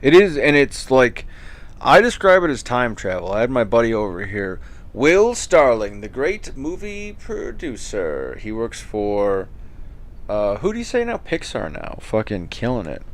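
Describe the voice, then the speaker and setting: A man's voice: medium pitch, big pitch swings, measured pace. A man hosting a casual late-night chat, rambling and joking with a profane, loose way of talking.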